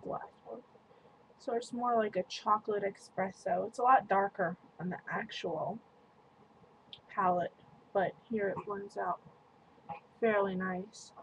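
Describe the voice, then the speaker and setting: A woman's voice: medium pitch, steady tone, fairly bright tone, low-quality recording. A woman talking through a casual makeup product review in a chatty, meandering way. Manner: chatty, slow and meandering, lots of "like". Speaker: beauty vlogger. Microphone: webcam. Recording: faint room noise on a webcam mic.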